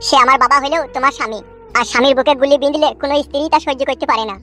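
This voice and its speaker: A woman's voice: high voice, fairly even intonation, racing, sharp tone, faint music behind, voice pushed down. A woman voicing a hot-headed young man who swears and vows revenge, in a comedy cartoon. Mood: vengeful. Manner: fierce, swearing threats.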